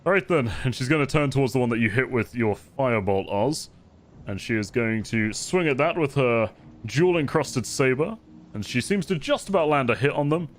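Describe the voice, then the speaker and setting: A man's voice: mid-range voice, a bit bright. A man running a tabletop game as game master, narrating the fight in vivid detail and laughing often.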